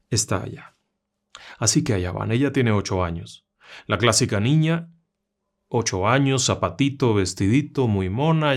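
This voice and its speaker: A man narrating a horror story in a conversational, dramatic way, with asides to the listener. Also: lowish voice.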